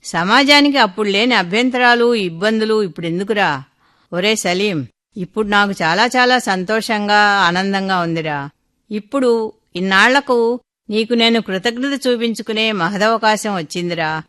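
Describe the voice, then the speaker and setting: A woman's voice: medium pitch, normal speed, fairly bright tone, close to an everyday voice. A woman voicing an older man, a devoted old friend, speaking earnestly and affectionately in a storybook reading. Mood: joyful.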